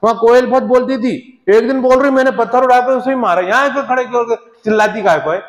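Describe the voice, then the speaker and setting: A naive retired man in his seventies, as a speaker acts him out, who rambles through plaintive excuses before God. His voice is raised and high, and it echoes in a hall with a long reverb. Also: fairly quick. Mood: rambling. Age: 70s.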